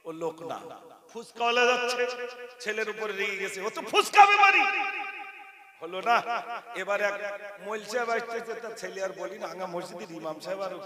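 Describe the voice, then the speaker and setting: A man preaches with humor, acting out stories and calling questions to his listeners. His voice sits very high. It rings through a reverberant PA over a loud crowd. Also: a little fast. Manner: storytelling with quoted voices, asks the crowd questions. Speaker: Islamic preacher and ghazal singer. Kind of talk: humorous Bengali waz sermon to a crowd. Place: outdoor religious gathering with a large crowd. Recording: echoey PA sound, crowd behind.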